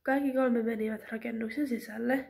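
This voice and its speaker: A woman's voice: fairly high pitch, fairly even intonation, creaky, a little mellow. A woman reading a homemade story aloud in a simple, plain storytelling manner.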